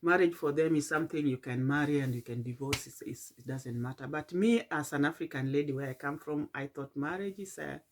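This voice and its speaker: A middle-aged Kenyan woman telling a late-night personal vlog in a tired, halting, reflective way, with many fillers and restarts. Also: low voice, noisy background. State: tired and yawning. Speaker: vlogger.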